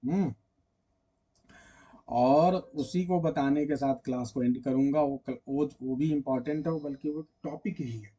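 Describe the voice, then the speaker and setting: A man's voice: medium pitch, a little slow, dark tone, slightly rough, muffled recording. A man teaching literature in a casual online lecture, chatting directly with his students and drawing out words when he sings an example.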